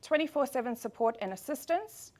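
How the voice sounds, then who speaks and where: At a networking meeting, an upbeat woman in her forties with a South African accent delivers a business presentation peppered with ums. Her voice sits high and is a little mellow, with lively intonation and a fairly quick pace.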